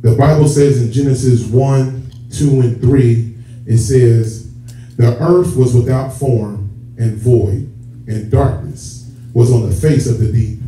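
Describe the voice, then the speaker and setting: Slow and steady, a church elder preaches in a mellow, medium-pitched voice, speaking conversationally to his congregation and lengthening key words for emphasis. He's in a sanctuary with a stage and rows of seats. The far-off camera at the back of the hall makes the recording muffled, echoey and noisy.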